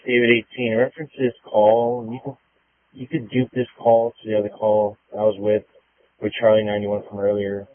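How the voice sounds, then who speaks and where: A male police officer calling in over a police radio, speaking in quick, clipped radio codes. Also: lowish voice, flat delivery. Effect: police radio transmission. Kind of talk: radio call-in. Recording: tinny dry radio channel.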